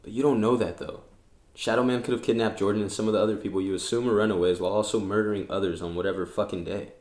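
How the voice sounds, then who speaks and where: A man's voice: fairly low pitch, steady tone, fast talker, a little mellow, close to an everyday voice. An actor playing a blunt, profane young man who challenges others skeptically in an audio drama. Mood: challenging. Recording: roomy echo.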